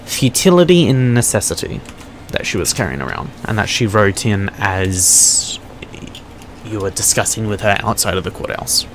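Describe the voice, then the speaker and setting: A man's voice: on the low side, lively intonation, normal speed, a little hiss or hum. A man narrating a tabletop game as game master, describing scenes and calling for dice rolls over voice chat.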